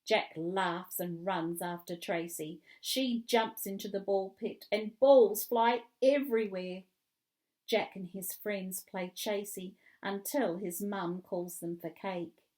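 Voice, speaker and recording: A woman reading a children's book aloud with clear, expressive storytelling. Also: mid-range voice, takes it slowly. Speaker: reader.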